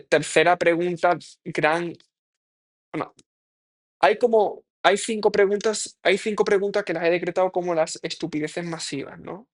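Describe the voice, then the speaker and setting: A man's voice: on the high side, gravelly. A young man, a medical student talking through practice exam questions, thinking aloud, scolding himself and swearing casually.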